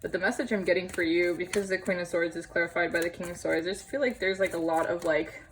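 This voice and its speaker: A woman's voice: on the low side, fairly even intonation, quick pace, slight background noise, poor audio. A young woman giving a casual tarot reading to camera, chatty and empathetic, with many fillers and small laughs. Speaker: tarot reader. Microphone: camera on tripod.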